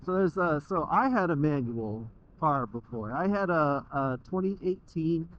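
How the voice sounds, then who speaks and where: A young American man rambles casually from inside his motorcycle helmet. His voice sits slightly high and moves around a lot in pitch. The helmet microphone gives it a dull, muffled sound, and his talk is informal and peppered with swearing. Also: lively intonation, unhurried. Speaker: motovlogger riding a motorcycle. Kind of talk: casual motovlog monologue.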